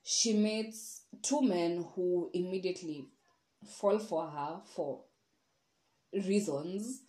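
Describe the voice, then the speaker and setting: A woman's voice: on the low side, slow, mellow. A woman hosting a solo podcast, giving a frank, rambling review with sighs and asides. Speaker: podcast host. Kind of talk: casual solo review monologue. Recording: echoey room.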